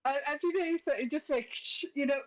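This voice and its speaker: A woman's voice: high-pitched, brisk, rough recording. A woman playing a tabletop game over voice chat, chattily describing what her character does. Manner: chatty, descriptive, fillers and restarts. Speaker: player. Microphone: headset or desk mic over voice chat.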